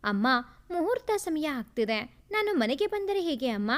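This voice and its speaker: A woman's voice: high voice, sing-song, moderate pace. A woman voicing a grown son who speaks like a naive, innocent child in a storybook tale. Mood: pleading. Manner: naive, pleading.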